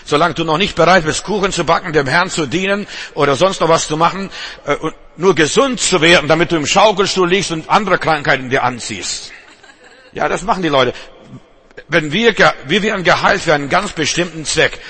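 A man delivers an evening sermon in a church hall, hammering home his points by repeating them and slowing down for each refrain. His voice is bright and a little husky, pitched slightly above the usual for a man. He mixes stern exhortation with wry humorous asides. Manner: emphatic, repeats key phrases, slows for refrains, humorous asides. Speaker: preacher.

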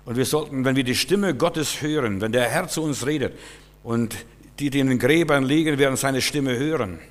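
A man preaching a sermon, emphatic, swinging between loud urgency and hushed warnings. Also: medium pitch, normal speed. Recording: long hall reverb.

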